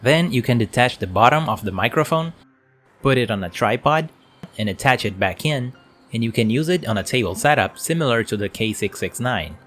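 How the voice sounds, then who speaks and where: A man's voice: medium pitch, animated, a little fast, a bit bright, soft background music. A man giving a plain, explanatory product review at his home work desk, speaking into a desk mic on an arm. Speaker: tech reviewer.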